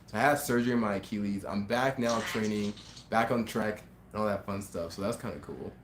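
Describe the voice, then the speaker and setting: Male co-host, lowish voice, teasing and slangy, casual stories, roomy echo. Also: fairly quick. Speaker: podcast co-host. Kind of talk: casual banter and storytelling. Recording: echoey room, faint noise.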